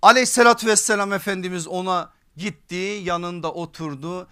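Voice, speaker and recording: A man's voice: high voice, steady tone, fairly quick, pushed and bright, smooth. A man preaching a sermon from a pulpit microphone, emphatic, repeating his points and checking with rhetorical questions.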